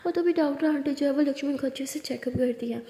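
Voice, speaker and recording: A woman telling a love story aloud in an affectionate, soft-spoken way, voicing the characters' lines as she goes. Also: high-pitched, quick pace. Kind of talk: storytelling narration with acted dialogue. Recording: echoey room with long reverb.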